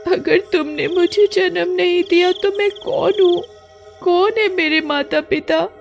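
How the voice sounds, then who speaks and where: Woman doing a high pleading young girl. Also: fairly even intonation, measured pace, vocal fry, dull audio, soft background music, full character voice. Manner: high, pleading, insistent questioning.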